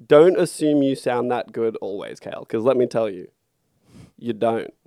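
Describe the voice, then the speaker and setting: Australian man, blokey sweary banter, mellow relaxed tone, dry close sound, casual podcast host. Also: mid-range voice, moderate pace, vocal fry, no echo.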